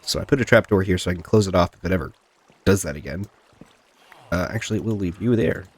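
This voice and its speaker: Fast and low with a breathy edge, a man's stuffy, plugged-up voice carries his relaxed, wandering commentary on a game as he recovers from being sick. As host of the video he keeps talking to himself and the game's characters, and the recording has no room sound.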